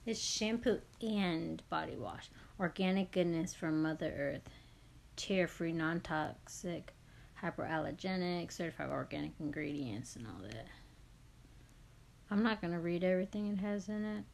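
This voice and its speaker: A woman's voice: fairly low pitch, a little slow, gravelly, a little hiss or hum, low-quality recording. A woman vlogger in casual, gushing unboxing chat, full of "like" fillers. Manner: chatty, gushing, lots of "like" fillers.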